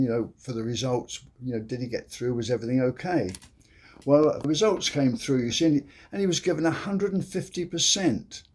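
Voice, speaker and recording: Older guy rambling through bar jokes, husky, lots of "you see". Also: medium pitch, a little mellow. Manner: chatty, rambling storyteller with frequent "you see". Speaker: comedy show host telling jokes. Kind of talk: casual joke telling.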